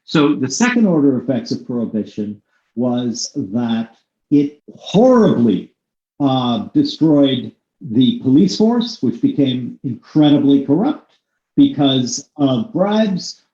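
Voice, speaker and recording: A man's voice: mid-range voice, animated, slow pace, dark tone. A man hosting a podcast interview, talking in long, discursive turns with swings of emphasis. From United States. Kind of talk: conversational interview. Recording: echoey room, slightly dull sound.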